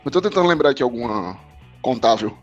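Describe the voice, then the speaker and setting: A man's voice: mid-range voice, expressive, fast talker, highs cut off, soft background music. A young man, bantering casually in teasing slang on a podcast.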